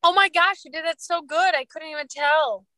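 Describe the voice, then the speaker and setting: A woman's voice: high voice, moderate pace, bright, forceful tone, no room sound. A woman in her late twenties, a mother and wife, chatting casually on a podcast in a rambling, reflective way. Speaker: podcast co-host. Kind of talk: casual chat.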